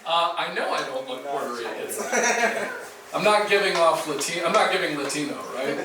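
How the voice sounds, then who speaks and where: A man's voice: on the high side, normal speed, a loud crowd. Self-mocking male stand-up comic. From Jacksonville, Florida. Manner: self-deprecating, conversational punchlines. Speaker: stand-up comedian. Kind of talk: stand-up comedy set. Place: small comedy club, indoors. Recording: echoey room from far off, noisy.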